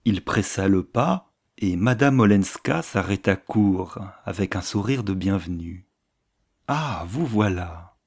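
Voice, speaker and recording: A man narrating a classic novel aloud in a measured, literary way. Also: low voice, a little mellow. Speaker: audiobook narrator.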